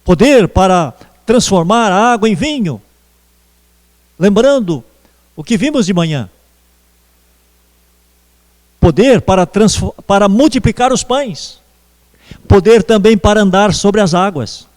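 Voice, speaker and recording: High-voiced preacher in an echoing church. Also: male voice, expressive, darkish tone. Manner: slow, measured preaching with pauses. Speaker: pastor. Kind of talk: sermon.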